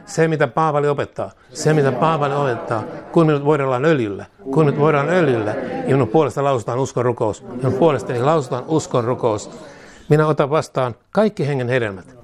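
A man preaching as a pastor and leading a declaration prayer, reading each line in short phrases for the congregation to repeat. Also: on the high side. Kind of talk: sermon, leading a call-and-response declaration. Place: church service with a congregation. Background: congregation repeating lines aloud.

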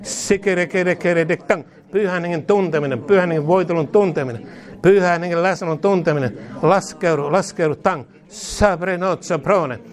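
A male preacher praying aloud and speaking in tongues, chanting repeated syllables and commanding in fervent prayer. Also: high voice.

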